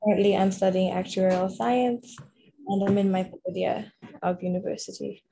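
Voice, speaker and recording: A woman from Zimbabwe introduces herself politely on a video call. Her voice is dark and mellow. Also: mid-range voice, fairly even intonation, moderate pace, gravelly, slight background noise.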